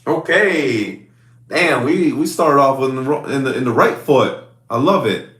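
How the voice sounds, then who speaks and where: A man coaching clients over a video call, chatting casually with loud, excitable hype-man energy. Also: medium pitch, unhurried, reverberant, distant mic. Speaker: fitness coach.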